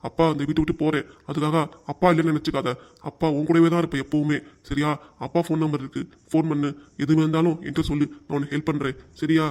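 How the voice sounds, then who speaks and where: A man voicing a patient middle-aged cartoon father who answers his wife and son softly and defensively. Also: fairly high pitch, flat delivery, fast, close to an everyday voice. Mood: pleading. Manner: soft, pleading and defensive. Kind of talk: cartoon voice acting.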